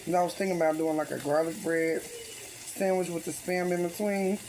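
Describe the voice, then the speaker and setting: A woman's voice: on the low side, fairly even intonation, normal speed. A woman chatting casually and informally as she cooks at home, with heavy breathing between and under her words. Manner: breathing heavily; informal, off-the-cuff. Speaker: home cook vlogger. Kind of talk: casual cooking chat. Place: home kitchen. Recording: noisy kitchen, sizzling frying pan. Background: food frying and sizzling.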